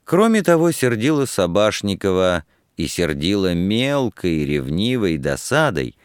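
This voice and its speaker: Low, expressive male audiobook narrator. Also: unhurried, smooth, dry recording, studio quality.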